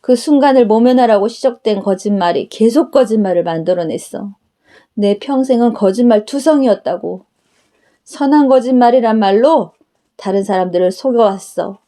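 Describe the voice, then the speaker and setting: A woman's voice: fairly high pitch, normal speed, dark tone, close to an everyday voice. A woman voicing a tormented damned soul who pleads desperately for rescue. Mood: desperate pleading.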